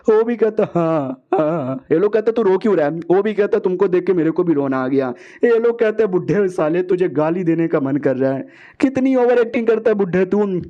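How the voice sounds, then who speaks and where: Man, comic story recap, jokey and slangy, high voice, mellow tone. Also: lo-fi sound. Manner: jokey slangy retelling, quick voice switches for characters. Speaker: manhua recap narrator.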